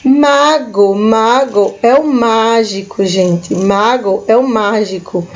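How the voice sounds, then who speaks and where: A Brazilian woman teaching a slow vocabulary lesson, repeating each word and checking in with the class. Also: a little high, lo-fi sound. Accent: Brazilian Portuguese. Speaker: Spanish teacher.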